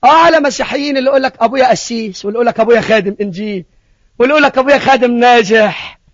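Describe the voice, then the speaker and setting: Egyptian male preacher, high-pitched voice, dry dull lo-fi sound, animated questioning. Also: very fast, no echo. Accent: Egyptian Arabic. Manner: animated storytelling, questions to the congregation. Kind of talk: sermon.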